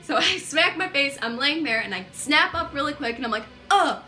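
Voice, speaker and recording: A young woman vlogger telling a casual storytime, chatty and animated, with lots of swearing and fillers. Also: high-pitched, brisk, faint music behind. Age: young adult.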